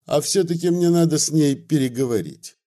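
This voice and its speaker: A man's voice: fairly high pitch, brisk, mellow, pitched above the performer's own voice, lightly acted. A man reading aloud and voicing a sly visiting official who speaks curtly and in a businesslike way. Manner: curt and businesslike.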